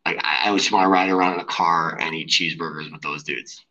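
A teacher talking casually as a podcast guest, rambling with lots of fillers and laughing easily, heard over headphones on an online call. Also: male voice, low-pitched, fairly even intonation, quick pace, pushed and bright, highs cut off, a little hiss or hum. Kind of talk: casual chat.

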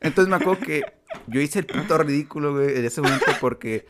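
A man's voice: fairly high pitch, fast, noisy background. A young man with a Mexican Spanish accent, co-hosting a podcast and telling a story in slangy, casual chat, laughing often and swearing freely. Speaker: podcast co-host.

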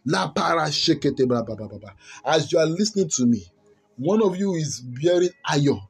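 A man's voice: a little high, expressive, moderate pace, gravelly, slightly rough. A man preaching as a commanding faith healer, praying and prophesying fervently with repeated phrases and bursts of speaking in tongues. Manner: forceful, commanding faith healer casting out spirits; repetitive, fervent incantatory phrasing. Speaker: preacher and prophetic minister leading prayer. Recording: music under the voice. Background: background music.

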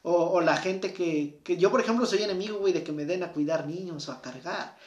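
High-voiced young Mexican man, swearing freely. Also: brisk, echoey room. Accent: Mexican Spanish. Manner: profane, slangy, animated storytelling. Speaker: conversation partner. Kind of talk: casual chat.

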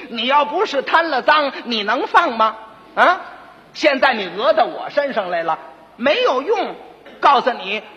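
A man with a Beijing accent voicing a scornful, sharp-tongued county magistrate who mocks and laughs coldly. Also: extremely high pitch, exaggerated voice. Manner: mocking, laughing, cold sneers. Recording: dull lo-fi recording with long reverb.

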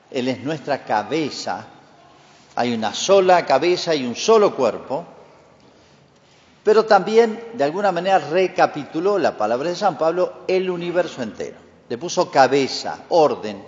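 Man, priest, homily, measured liturgical cadence, church reverb with long echo tail, dull lo-fi sound. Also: on the high side. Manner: measured liturgical delivery with emphatic rises. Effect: long cathedral-like church reverb. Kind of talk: Gospel reading and homily. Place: large church.

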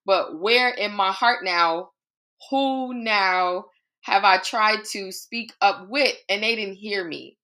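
A woman hosting a faith podcast, speaking in a conversational, animated way about her struggles and God. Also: medium pitch, slow pace. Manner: conversational, animated, preachy asides. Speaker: podcast host. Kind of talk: faith-based personal reflection.

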